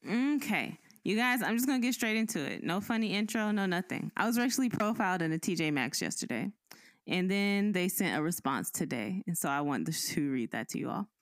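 A woman with a fairly low voice talks briskly on a dry recording. Cohosting a podcast, she tells a story in casual conversation, animatedly acting out the people in it.

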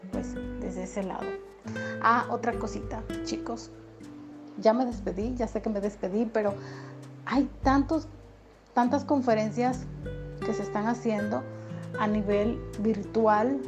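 A woman from the Dominican Republic with a softened Dominican accent, hosting a podcast in an encouraging, chatty way with frequent fillers. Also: medium pitch. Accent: Dominican Spanish, softened toward neutral. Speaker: podcast host and radio announcer. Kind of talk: casual motivational podcast talk.

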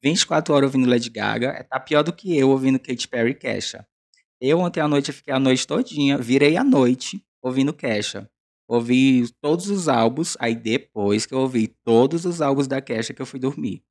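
Male Brazilian podcaster, mid-pitched with a raspy smoker's voice; chatty, digressive, confessional solo delivery. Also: moderate pace. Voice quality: hoarse, husky smoker's rasp. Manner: self-deprecating, chatty, digressive. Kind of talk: casual rambling confessional monologue.

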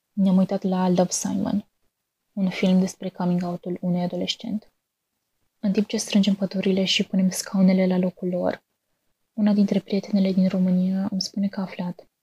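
A young woman from Romania reads her own story aloud in a calm, measured way. Her voice is mellow and a little husky, and it stays level with little rise and fall. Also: on the low side. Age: 20s. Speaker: narrator. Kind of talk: scripted personal narration.

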